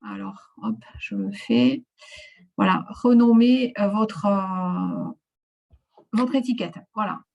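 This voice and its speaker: A woman giving step-by-step instructions for a video-call platform, often pausing with fillers and restarting her sentences. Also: medium pitch, gravelly, darkish tone, highs cut off. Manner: hesitant, many fillers and restarts. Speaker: webinar presenter. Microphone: video call microphone.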